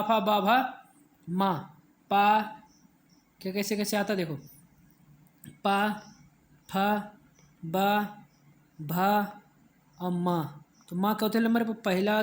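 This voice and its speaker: Online exam-prep teacher, mid pitch voice, keeps repeating stuff and quizzing u. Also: a little hiss or hum. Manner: repetitive drilling, constantly quizzing the listener; counts through letters and options aloud.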